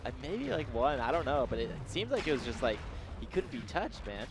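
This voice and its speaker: A man doing live esports commentary as a casual, excitable caster. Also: medium pitch, brisk, background noise.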